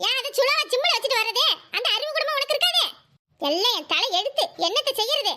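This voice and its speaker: A woman voicing a loud, scolding middle-aged aunt in a Tamil village cartoon, shrill and given to wailing. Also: animated, quick pace, exaggerated voice. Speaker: cartoon character.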